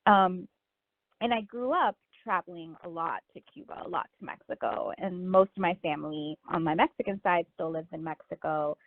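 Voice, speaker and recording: A moderately paced, lower-pitched woman from Miami, United States, chats reflectively as an interview's guest author. The phone-line audio is narrow and free of echo, and she frequently drops in "like" and "you know."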